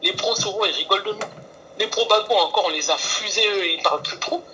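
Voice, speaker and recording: A woman calling in to a live stream, talking earnestly and pleading for calm. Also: medium pitch, fast, muffled recording, a little hiss or hum. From France. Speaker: caller. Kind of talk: phone call on a live stream.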